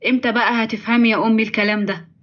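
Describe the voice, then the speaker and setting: A woman voicing a gentle, weary grown son pleading with his mother, with an Egyptian accent. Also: fairly high pitch, flat delivery, very fast, highs cut off, natural voice. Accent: Egyptian Arabic.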